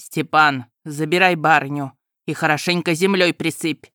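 Audiobook villain, woman reader: gruff man barking orders, smooth, dry and close. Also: sits low, steady tone, normal speed, a bit bright, no room sound. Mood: commanding. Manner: harsh, commanding. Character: rough male villain giving burial orders.

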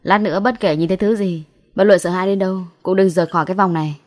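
A woman voicing a stern, commanding young male demon hunter who scolds forcefully in an audiobook. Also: fairly low pitch, fairly even intonation, quick pace, close to an everyday voice. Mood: urgent, commanding.

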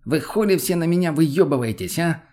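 A man voicing a crude, foul-mouthed male junkie who swears, whines and flares up fast. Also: medium pitch, expressive, a little mellow, slightly rough. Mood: furious.

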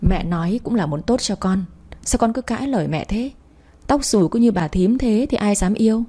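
A woman's voice: medium pitch, animated, moderate pace, warm tone, breathy edge. A woman doing a nagging middle-aged mother. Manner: scolding, insistent.

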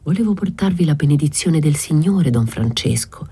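A woman voicing a pale, fat friar, anxious and pious, speaking in a hushed, partly whispered voice. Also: low-pitched, expressive, normal speed, breathy edge, full character voice.

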